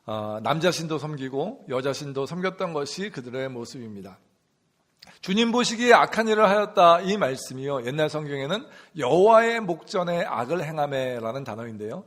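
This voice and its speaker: A man's voice: fairly high pitch, fairly bright tone. A middle-aged man preaching a sermon in a church, asking the congregation questions and repeating key words in a rhythm. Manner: call-and-response questions to the congregation; rhythmic repetition for emphasis. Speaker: pastor. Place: church sanctuary.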